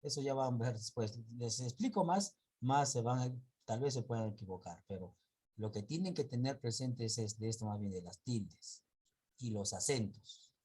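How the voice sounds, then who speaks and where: With a mellow, slightly rough voice of medium pitch, a male teacher leads a class online. He lingers patiently over example words, corrects himself often, and checks in with the students.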